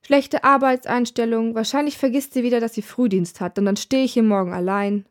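A woman's voice: a little high, steady tone, a little fast, lightly acted. A woman voicing Death as a tired, grumpy male worker who sighs and grumbles, put-upon by his job. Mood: weary.

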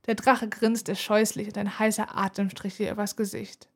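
A woman narrating a children's adventure story aloud in an even, expressive way. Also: medium pitch, normal speed, slightly rough. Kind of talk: storybook reading.

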